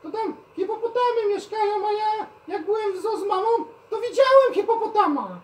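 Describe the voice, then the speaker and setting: A very high, childlike voice of a curious young male hare, as a woman puts him on for a children's puppet show. He is eager and playful, firing off questions and mishearing long words. He sounds roomy and a little far from the mic. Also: animated, moderate pace. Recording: roomy, from a distance.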